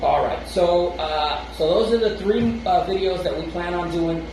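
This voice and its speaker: Here a high-pitched man with a Brooklyn accent co-hosts a chat show at normal speed, rambling casually, restarting often and chuckling between thoughts. Captured off-mic at a distance, the audio is noisy and very echoey.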